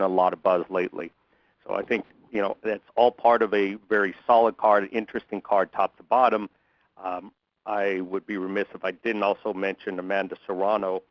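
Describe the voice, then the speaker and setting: A man's voice: lowish voice, no echo. A man giving promotional remarks as an executive on a press conference call over a phone line. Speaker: television boxing executive. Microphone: telephone conference call.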